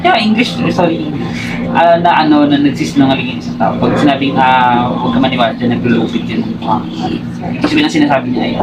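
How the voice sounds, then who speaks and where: A man's voice: medium pitch, fast. A man answering an interview question hesitantly, correcting himself as he goes. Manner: hesitant, mixing in English, self-correcting. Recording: distant mic, loud background noise.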